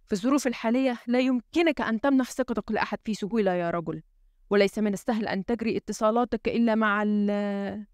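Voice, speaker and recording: A woman's voice: medium pitch, fast, darkish tone, dry recording, studio quality, natural voice. A woman voicing a tense, suspicious male head of state who mutters urgently and gives commands in an audiobook reading.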